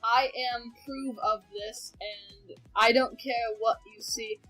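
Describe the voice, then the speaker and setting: A young woman talks her way through a reaction video with a friend, rambling and often correcting herself mid-thought. Her voice sits a bit high, and faint music runs in the background. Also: steady tone, slow, bright, forceful tone, poor audio. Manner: chatty and rambling, with sudden laughs and self-corrections. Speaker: video reactor, channel host. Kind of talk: casual reaction chat with a friend.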